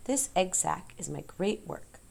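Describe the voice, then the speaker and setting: Weary old-soul spider, read by a woman, quiet and slow, bit of fry in it. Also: lowish voice, lively intonation, exaggerated voice. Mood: weak. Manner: soft, slow and tired. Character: female spider, wise, weak and fading. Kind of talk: audiobook character voice.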